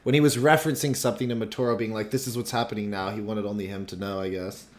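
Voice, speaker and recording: A young man hosting a livestream, animated and reading chat aloud. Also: on the low side, rapid-fire. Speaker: livestream host.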